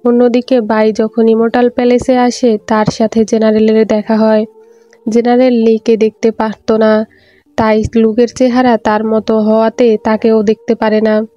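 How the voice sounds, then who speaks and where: A woman narrating a film recap in a steady, even storytelling read, with soft music underneath. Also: a little high, normal speed, dry recording, highs cut off. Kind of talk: scripted movie recap narration.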